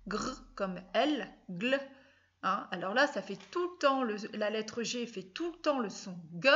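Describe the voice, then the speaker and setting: A woman talks young children through a spelling lesson at a slow, patient pace, sounding out letters one by one. Her voice sits a little high and comes across bright and clear. The recording is somewhat dull and lo-fi. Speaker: primary school teacher.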